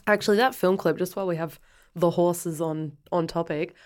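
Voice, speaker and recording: A woman's voice: fairly low pitch, steady tone, moderate pace, darkish tone. An Australian woman co-hosting a podcast, chatting casually about music with a giggly, teasing manner. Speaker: podcast co-host.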